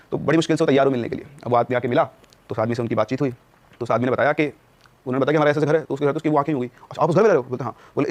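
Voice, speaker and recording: A young man telling a ghost story as a podcast guest, acting out the quoted dialogue in changing voices. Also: on the high side. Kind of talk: animated storytelling.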